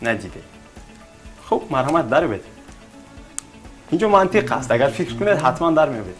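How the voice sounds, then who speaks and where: A man's voice: fairly high pitch, big pitch swings, faint music behind. Coaxing Tajik-accented male quiz host. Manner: coaxing, repeats answers back, urges contestants to think. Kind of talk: TV quiz hosting.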